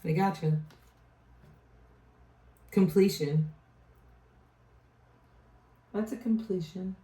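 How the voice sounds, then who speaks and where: A woman's voice: medium pitch, very slow, warm tone. A woman giving a casual tarot reading, rambling and often trailing off to restart her thought. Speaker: tarot reader. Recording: echoey room, distant mic.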